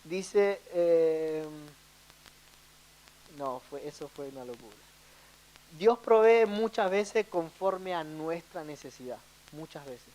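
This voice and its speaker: A man's voice: on the high side, animated, slow pace, a little mellow, poor audio. A young man from Argentina with a Rioplatense accent, giving an earnest testimony in a church sermon. He speaks straight to the congregation and often repeats his phrases. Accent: Rioplatense Spanish. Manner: earnest, addresses the audience directly, repeats phrases.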